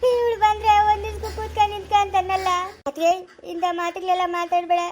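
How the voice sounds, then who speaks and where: A woman's voice: very high-pitched, steady tone, quick pace, noisy background. A woman with a rural Chikkaballapura Kannada accent playing a grieving grown daughter in an amateur village family drama, lamenting in a crying, pleading, repetitive way. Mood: weeping. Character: grieving adult daughter mourning her mother.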